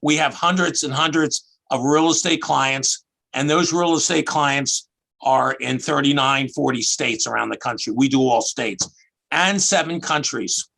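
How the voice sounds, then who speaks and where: A tax accountant in his sixties from the Philadelphia area, with the accent to match, tells rambling, chatty stories about his work as a guest on a video call. His medium-pitched voice is gravelly with a fairly bright tone, at a measured pace, on a rough recording.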